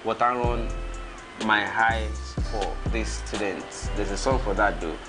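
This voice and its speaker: A man's voice: fairly low pitch, steady tone, a little slow, music in the background. A Nigerian man in his thirties, hosting a casual livestream and reading out viewer comments, chuckling and reacting as he goes. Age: 30s.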